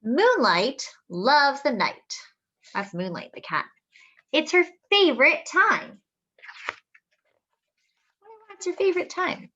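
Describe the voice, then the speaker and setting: This story-time host reads a picture book aloud to young children in a high-pitched, sing-song, expressive voice, drawing phrases out and adding little asides and questions. The audio has its highs cut off.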